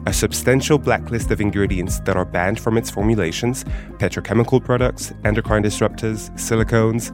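Male narrator-interviewer, low voice, measured scripted read, clear music bed behind. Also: steady tone.

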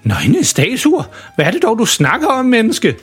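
A furious woman museum director, wailing and shrieking in a high, outraged voice, put on by a male storyteller. Her voice sits far above a man's usual register. It is a children's audio story with a husky edge. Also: huge pitch swings, faint music behind, exaggerated voice.

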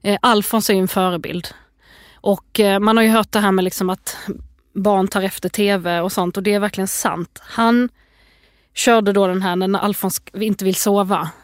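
A woman's voice: medium pitch, steady tone, no echo, studio quality. A woman co-hosting a casual chat, telling stories animatedly and acting out her toddler's lines. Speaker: podcast co-host.

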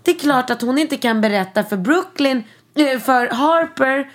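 A chatty woman with a slightly high voice tells stories in a gushing, animated way. She fills her talk with pauses and little fillers. She breaks into acted-out quotes, jumping high in pitch. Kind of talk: casual chat.

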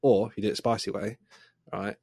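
Low-voiced English man swearing casually. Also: level tone, normal speed, creaky, a little mellow, slightly rough, no room sound, studio quality. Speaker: podcast co-host. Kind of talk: casual chat.

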